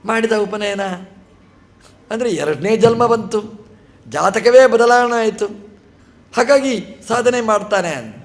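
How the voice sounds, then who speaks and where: A man's voice: high-pitched, slow, long pauses. A man giving a religious discourse, telling a scripture story in a sermon style with rhetorical questions and short acted-out dialogue.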